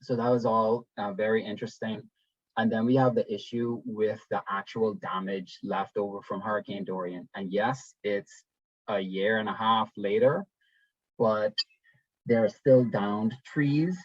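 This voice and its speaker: A young man from the Bahamas giving a webinar presentation over a video call, talking in a relaxed, conversational way with frequent ums and restarts. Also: on the low side, unhurried, slightly rough, dry recording. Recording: dull, dry webinar audio.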